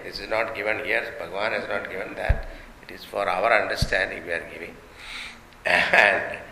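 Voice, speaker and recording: A man's voice: mid-range voice, pushed and bright. A man with an Indian accent gives a spiritual discourse as a swami, explaining through rhetorical questions and humorous examples. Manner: switches between English and Hindi. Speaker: swami giving a spiritual teaching. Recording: roomy echoing hall, faint background noise.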